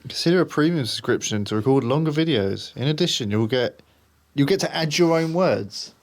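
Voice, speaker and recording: A man's voice: on the high side, animated, brisk. A man working as a paranormal investigator, chatting casually while trying out phone apps. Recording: clear background noise.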